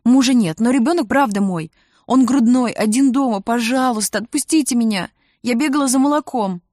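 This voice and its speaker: A woman's voice: a little high, steady tone, a little fast, darkish tone, no room sound, studio quality, close to an everyday voice. A woman voicing a frightened young mother who pleads and cries out to her kidnappers. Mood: desperate pleading. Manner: pleading, crying out.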